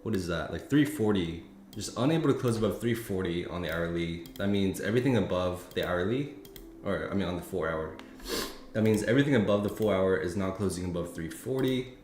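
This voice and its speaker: A man's voice: low-pitched, lively intonation, a little fast, darkish tone. A man streaming live market commentary, thinking aloud with many fillers and restarts. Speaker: futures trading streamer. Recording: echoey room with faint noise.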